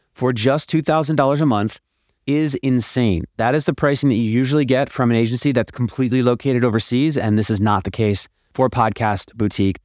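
Male podcast host, mid-pitched, promotional and emphatic, closely dry recording made in an attic. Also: a little mellow, no room sound. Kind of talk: scripted podcast monologue promoting deals. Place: attic of a house.

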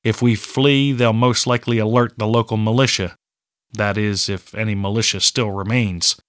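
A man voicing a weary man posing as a rural father, speaking low and earnestly in an audiobook reading. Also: steady tone, moderate pace, fairly bright tone, no room sound, clean studio sound, lightly acted.

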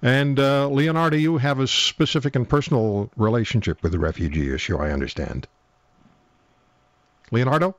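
A man hosting a call-in radio show, moderating briskly between callers and guests. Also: medium pitch, no room sound. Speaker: radio talk show host.

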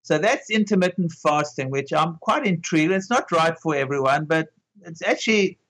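A male clinician guesting on a podcast talks with enthusiasm in a slightly high voice. He rambles, restarts his sentences and piles on asides as he explains. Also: expressive, moderate pace, a bit bright, low-quality recording. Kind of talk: casual conversational interview.

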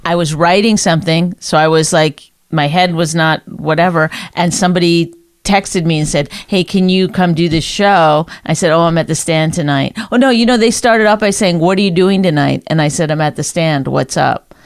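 A woman's voice: lowish voice, moderate pace, no echo, studio quality. A female comedian co-hosting a podcast, sarcastic and chatty, telling stories in casual banter. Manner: sarcastic, storytelling, laughs often. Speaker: comedian co-host.

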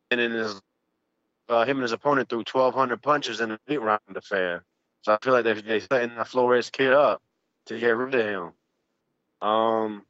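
A man calling in to a show over a bluetooth headset mic that keeps breaking up, talking casually with plenty of halting fillers. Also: mid-range voice, fairly bright tone, no echo. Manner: halting, filler-heavy, says "man" a lot. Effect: bluetooth headset mic cutting in and out. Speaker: caller. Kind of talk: casual call-in fight talk. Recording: muffled dry bluetooth call audio.

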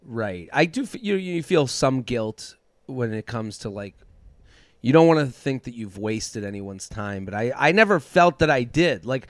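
A man's voice: medium pitch, animated, measured pace, no room sound, clean studio sound. Rambling, self-doubting man. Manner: rambling, self-deprecating, many restarts. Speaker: guest. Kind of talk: candid conversation.

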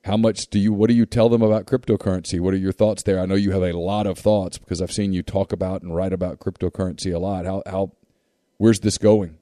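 Male podcast host, rambly questioner, mellow low voice, dry close sound. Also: quick pace, dry recording. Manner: rambling, repeats words when excited. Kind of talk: casual interview chat.

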